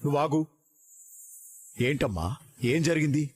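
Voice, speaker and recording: An older father-in-law in a TV serial. His husky voice sits a bit high for a man. He speaks in a calm, restraining way. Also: a little slow. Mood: stern. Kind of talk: TV serial acting.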